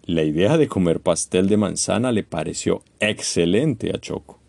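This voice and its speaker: Guy reading a kids' story out loud, gravelly and mellow, super animated, dry sound. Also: moderate pace, no room sound. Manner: expressive, very animated pitch. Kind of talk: children's story read-aloud.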